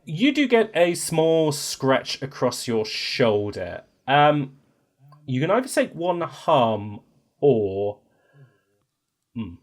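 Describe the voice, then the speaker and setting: Animated man running a tabletop game. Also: mid-range voice, takes it slowly. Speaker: game master. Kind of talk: improvised tabletop game narration, casual.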